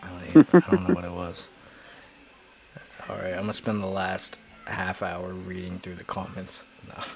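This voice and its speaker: Male stream host, lowish voice, loose self-mocking chatter, faint hiss behind. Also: little pitch movement, moderate pace, gravelly, darkish tone. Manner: rambling, joking, self-deprecating. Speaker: livestream host. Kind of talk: casual chat.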